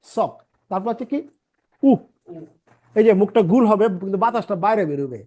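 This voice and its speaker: A man's voice: high voice, animated, very fast, warm tone. Male English teacher, repetitive pronunciation drills, checks in with "right?". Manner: drills sounds by repeating them, asks "right?" often. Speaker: English teacher and channel founder. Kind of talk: pronunciation lesson.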